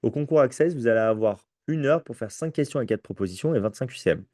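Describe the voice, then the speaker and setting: A French-accented man with an animated, fast, mid-range voice and dark tone presents entrance exams at a live conference, teaching conversationally. He often checks "ok?" and restarts along the way, captured in a dry, clean studio recording.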